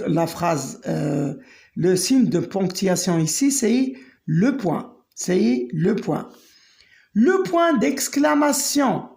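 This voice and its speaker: Woman teacher, slow and lively-pitched, dictates examples twice in an echoey room. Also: gravelly. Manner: repeats each example twice, slow and deliberate. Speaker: French teacher. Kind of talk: grammar lesson explaining and dictating examples. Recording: roomy echo.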